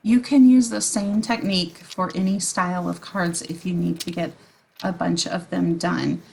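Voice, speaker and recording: A woman's voice: fairly low pitch, steady tone, moderate pace, creaky, darkish tone, slight background noise. A woman hosting a casual card-making tutorial as a voice-over, chatty and giggly, with frequent ums. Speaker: card-making video host.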